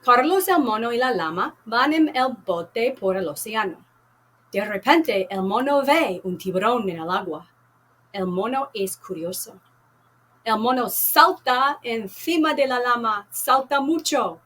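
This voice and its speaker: With a fairly high pitch, lively intonation and a slightly bright tone, this woman leads a Spanish class. She reads from a novel and runs activities, speaking slowly and clearly as she repeats and translates words.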